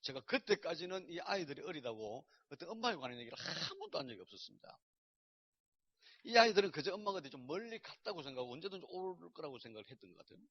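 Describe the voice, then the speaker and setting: A man's voice: on the high side, sing-song, fast talker. Emotional male pastor giving testimony. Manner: emotional storyteller, swinging from loud outbursts to hushed asides. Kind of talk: personal testimony sermon. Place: church lecture hall. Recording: dull lo-fi recording.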